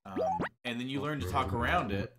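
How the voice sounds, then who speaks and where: Loud music plays behind a young man chatting casually as he streams a game. He talks around a tongue piercing, at a middling pitch. He rambles in a self-deprecating way and often trips over his words. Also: brisk. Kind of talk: casual chat while playing a game.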